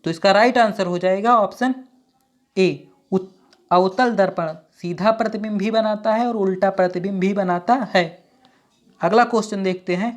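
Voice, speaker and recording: A woman teacher reading out exam questions and options and then giving each answer, with steady, repetitive phrasing. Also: mid-range voice, moderate pace. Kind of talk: exam quiz walkthrough.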